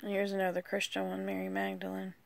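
A woman casually walking through a deck of oracle cards, rambling and hesitant with lots of pauses. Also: medium pitch, completely flat delivery, gravelly. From rural United States. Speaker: vlogger. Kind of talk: casual card walkthrough.

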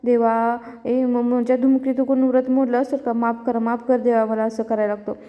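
A woman's voice: a little high, flat delivery, normal speed, dull audio, natural voice. A woman voicing a teasing young man who bosses others around, in an echoey room. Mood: mocking bossy. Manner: bossy, mocking.

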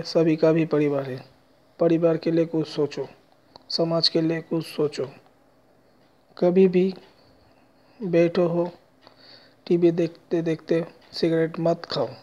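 A man telling a personal story with a moral in a slow, halting way, with many pauses. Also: a little high, mellow. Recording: dull lo-fi recording.

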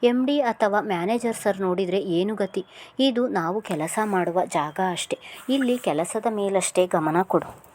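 A woman's voice: mid-range voice, unhurried, a little mellow, a little hiss or hum, lightly acted. A woman voicing a curt, guarded young man who teases and brushes people off, in a storybook reading. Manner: curt and teasing.

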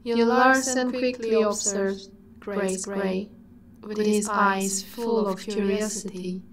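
A woman giving scripted narration in a slow, dreamy way that sometimes drops to a whisper. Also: medium pitch, steady tone, over a noisy crowd, rough recording.

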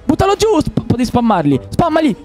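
A young man with a sore throat, teasing a friend in excitable gaming commentary. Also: very high voice, quick pace. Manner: teasing, excitable, shouts at gameplay. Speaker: streamer host.

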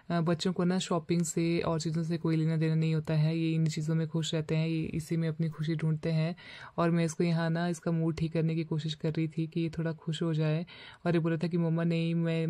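A young woman narrates her daily vlog in a relaxed voice-over, pausing on "uh" fillers as she goes. Her voice is dark and mellow and barely rises or falls. The recording is dry and close. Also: low-pitched, no echo. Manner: relaxed storytelling with frequent "uh" fillers. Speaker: vlogger.

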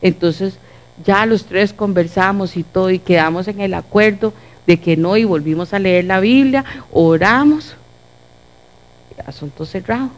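A middle-aged woman with a Costa Rican accent tells a personal story at church. She is an animated storyteller who acts out each voice as she goes. Her pitch sits in the middle of the usual range. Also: unhurried. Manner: animated storyteller acting out dialogue. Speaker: church speaker. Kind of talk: testimony in a church talk.

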